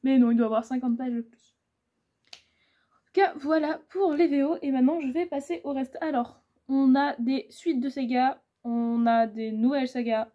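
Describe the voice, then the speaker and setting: A woman's voice: sits high, normal speed, dull audio. A woman in her twenties chatting casually about her reading pile, rambling with lots of fillers. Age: 20s. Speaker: booktuber. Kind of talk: casual book haul chat.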